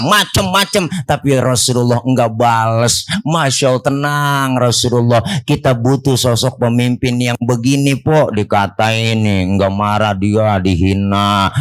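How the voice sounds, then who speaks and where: A man's voice: mid-range voice, clean tone. A middle-aged man speaks with a Betawi accent in a mid-range voice. He preaches in a joking way, teasing the listeners in easy street speech. He is at a neighborhood religious gathering. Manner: joking, teasing the crowd, colloquial. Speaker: Islamic preacher. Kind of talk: comedic sermon. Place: Prophet's birthday gathering in a village neighborhood.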